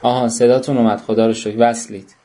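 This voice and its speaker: A man's voice: mid-range voice, little pitch movement, mellow, a little hiss or hum. A man teaching an online parenting workshop, coaxing and joking with participants as he calls on them by name. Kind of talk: online class lecture.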